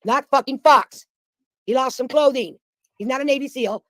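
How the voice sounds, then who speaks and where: A woman's voice: high voice, moderate pace, dry recording, clean studio sound. A woman guest on a live chat, ranting bluntly and swearing a lot. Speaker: guest caller. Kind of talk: heated casual chat.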